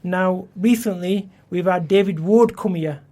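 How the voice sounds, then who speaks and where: A man's voice: sits high, a little slow, warm tone. Earnest man campaigning on air. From England. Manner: earnest campaigning, frequent restarts and repeated words. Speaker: election candidate. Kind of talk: radio interview answers. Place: radio studio.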